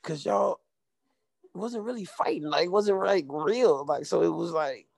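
Young man, slightly high creaky voice, close dry sound, casual sweary frat-bro storyteller. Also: a little slow, dry recording. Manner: frat-bro slang, sweary, heavy use of "like". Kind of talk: casual chat, animated retelling.

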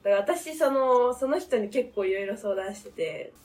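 A woman's voice: a little high, expressive, moderate pace, a little mellow. Chatty young woman guest. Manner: chatty, playfully tries Kansai phrases. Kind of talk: casual chat.

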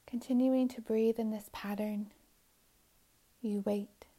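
A woman leads a guided meditation, her voice slightly high but very mellow and warm. She speaks very slowly and gently, with phrases that often fade into a hushed whisper. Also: steady tone. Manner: soft and soothing, slipping into whispers.

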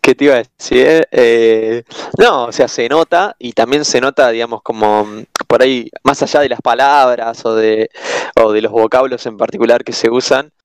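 A man with an Argentine accent, a guest in a casual conversation, talking hesitantly with many pauses and restarts. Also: medium pitch, clear, resonant tone. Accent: Argentine Spanish.

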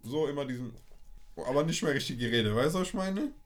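A young man tells a story in a casual podcast chat. He is animated and full of slang, and his voice sits in an ordinary middle pitch. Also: fast talker.

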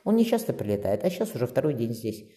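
A man lifting his voice into a soft-spoken young girl, tender and wistful, her phrases rising and falling in a lively sing-song. The sound carries a long echoing reverb, and the tone stays mellow. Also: medium pitch, fast talker, close to an everyday voice. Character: gentle young girl who talks to birds.

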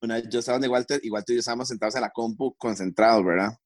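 A man's voice: mid-range voice, very fast, dry recording. A young man with a Costa Rican accent, co-hosting a casual podcast and retelling family stories. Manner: storytelling, animated retelling with laughs. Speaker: podcast co-host. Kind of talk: casual chat.

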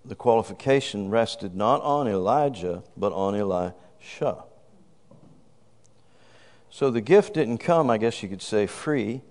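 In a reverberant hall, a fifty-something preacher with a lowish, expressive voice speaks a little slowly. His sermon, shared with a congregant, is exuberant, full of called-out praise and shouts of "woo."

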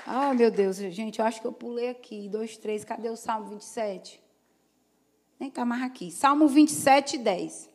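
A woman's voice: fairly high pitch, measured pace, a little mellow, some chatter behind. A woman pastor preaching a sermon to her congregation, telling stories in a folksy, chatty way and calling out for amens. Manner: call-and-response, asking the congregation "Amém?"; folksy, chatty storytelling with asides. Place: church service before a congregation.

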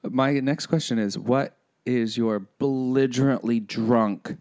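Guy asking questions on a podcast, smooth voice, jokey and sweary. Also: medium pitch, fairly even intonation, slow pace, a little mellow. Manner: playful, profane. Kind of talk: casual chat.

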